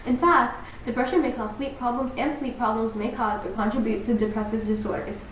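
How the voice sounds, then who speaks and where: Her voice runs high and steady, a touch fast and natural, as a young woman portrays a cranky, straight-talking dwarf psychologist in a student skit's scripted diagnostic monologue, sounding clinical and fed up. The sound is roomy and distant, with camera-mic hiss.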